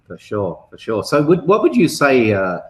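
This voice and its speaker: Lively, chatty male interviewer. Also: medium pitch, normal speed. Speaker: interview host. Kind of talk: casual conversational interviewing.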